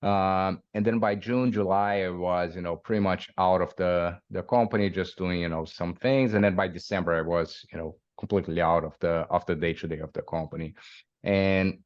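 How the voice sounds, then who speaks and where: Low-voiced Brazilian man, muffled audio. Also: fairly even intonation, normal speed. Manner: hesitant, many fillers and restarts, laughs while telling stories. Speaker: guest. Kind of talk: interview storytelling.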